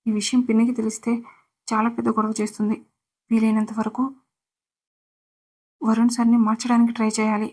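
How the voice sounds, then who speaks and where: High, even-toned woman storyteller. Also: a little fast, long pauses. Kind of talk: narrating a serialized love story.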